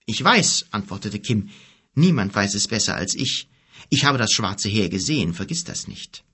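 A man voicing an earnest young boy hero in an audiobook, raising his voice to sound higher, urgent and insistent. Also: expressive, moderate pace, a bit bright, slightly rough. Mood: bitter. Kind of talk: audiobook character reading.

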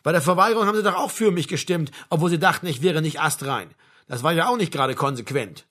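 A man's voice: on the high side, fast talker, pushed and bright. A man voicing an irritated, defiant young male patient who argues back in an indignant tone. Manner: indignant, argumentative.

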